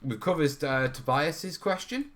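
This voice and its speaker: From a studio, a man from North Wales runs a live stream about terrain modelling, chatting informally and fielding questions as he rambles. He speaks at a measured pace in a somewhat high, slightly bright voice, often dropping in "yeah" and "you know."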